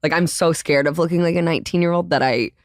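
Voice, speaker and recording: A woman in her twenties interviewing her best friend on a podcast, playful and teasing, with quick laughs. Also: deep voice, dry recording, clean studio sound. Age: 20s. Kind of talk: casual chat between friends.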